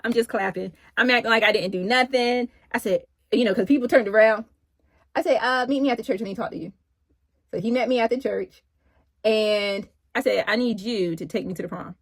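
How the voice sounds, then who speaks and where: A middle-aged woman casually telling a personal story in an animated, chatty way. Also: on the high side, fairly quick, no echo. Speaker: vlogger.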